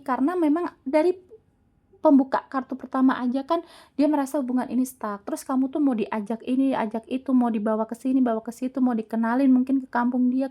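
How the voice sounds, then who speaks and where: Casting: female tarot reader, teasing and talkative, warm higher voice. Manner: chatty, teasing, laughs often. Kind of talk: casual tarot reading to viewers.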